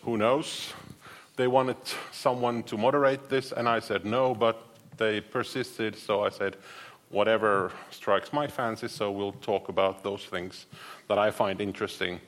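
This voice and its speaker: Guy hosting a panel, jokey and self-mocking, kinda low voice. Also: steady tone, unhurried. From Finland. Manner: wry, self-mocking, playful. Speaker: panel moderator. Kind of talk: joking panel moderation.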